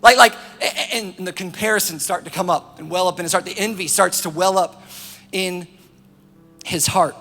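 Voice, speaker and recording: A man's voice: high voice, moderate pace. A man preaching a sermon as a pastor, animatedly retelling a story with playful asides. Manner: animated storytelling, acting out the parable. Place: church auditorium. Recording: church hall reverb, faint music behind.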